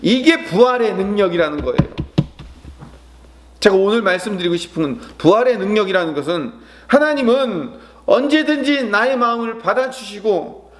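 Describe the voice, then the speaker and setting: High-voiced Korean pastor preaching. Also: male voice, expressive, normal speed, a little hiss or hum. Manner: dramatic preaching, acting out prayers and quotes with rising pitch; asks the congregation questions and answers them himself. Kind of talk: sermon.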